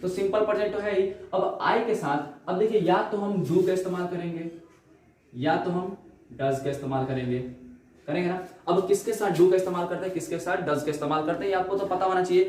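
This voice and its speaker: A male teacher giving a grammar lesson, asking rhetorical questions and slowing down to stress each example sentence. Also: high voice, a little mellow. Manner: explains in Hindi, repeats key points with rhetorical questions. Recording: echoey room sound.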